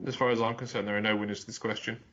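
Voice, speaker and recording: A man's voice: lowish voice, little pitch movement, racing, a bit bright. A man co-hosting a podcast, chatting casually with joking, crude humour. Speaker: podcast co-host. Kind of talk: casual chat. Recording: dull lo-fi podcast audio.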